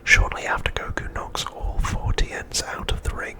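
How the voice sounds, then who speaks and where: Speaking as an ASMR host, a man narrates what happened in an episode. His hushed whisper is breathy and unvoiced, and his pacing is deliberate.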